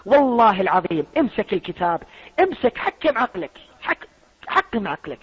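A man's voice: sits high, big pitch swings, a little fast, a bit bright, slightly rough. A man making an earnest spoken declaration, repeating oaths and restarting words. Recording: muffled lo-fi audio.

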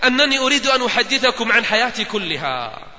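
A male preacher voicing an earnest American soldier, a grown man who speaks in a softer, lower tone than his narration. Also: very animated, fast talker, full character voice. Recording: dull lo-fi sound with long hall reverb.

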